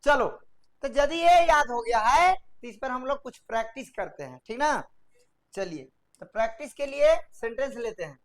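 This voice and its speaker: A woman's voice: high voice, expressive. Woman drilling English grammar to students. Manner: drills students, prompting them to repeat rules aloud; dictates structures slowly and emphatically, word by word. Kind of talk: classroom-style video lesson.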